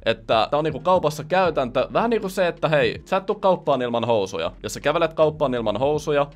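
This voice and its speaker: A man's voice: a little high, animated. A young man hosting a reaction video, talking casually with profane, mocking sarcasm.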